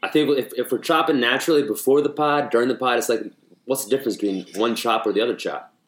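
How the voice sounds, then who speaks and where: A comedian in his thirties co-hosts a podcast, speaking quickly at a medium pitch as he chats playfully, riffing and tossing out puns. The room sounds echoey.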